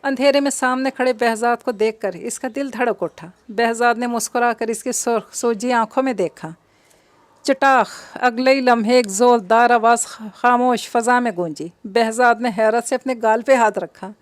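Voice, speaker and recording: Woman narrator reading a novel aloud, even and steady, slightly high voice, dry close sound. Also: a little slow, no room sound.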